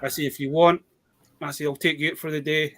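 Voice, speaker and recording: In a brisk, level, fairly bright voice pitched on the high side, an adult British man talks about toy bargains. He's a toy collector guest on a casual live chat, drifting from story to story.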